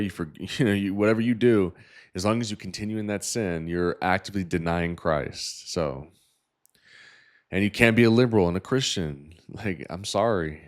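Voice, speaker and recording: A man with a very low voice delivers sarcastic reaction commentary. He rants in a preachy tone while reviewing dating profiles.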